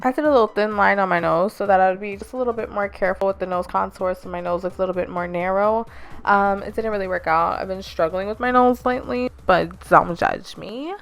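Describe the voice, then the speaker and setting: A woman's voice: mid-range voice, fast talker. A young woman narrating a makeup tutorial in a chatty, instructive way, with a self-deprecating joke here and there. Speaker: beauty vlogger.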